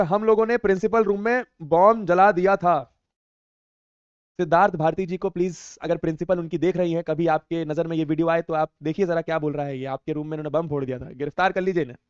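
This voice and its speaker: Teaching online, a young man with a high-sitting, slightly mellow, clean voice casually chats through viewer comments, teasing playfully with slang. The recording is dry and dull.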